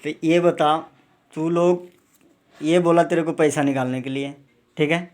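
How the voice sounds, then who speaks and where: A man with a high-pitched voice scolds and interrogates in a heated, threatening way. He keeps snapping short demanding questions. It sounds like it was recorded indoors in a small rented room. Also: steady tone, unhurried, darkish tone. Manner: angry, scolding, keeps barking a demanding "huh?". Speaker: man confronting suspected thieves.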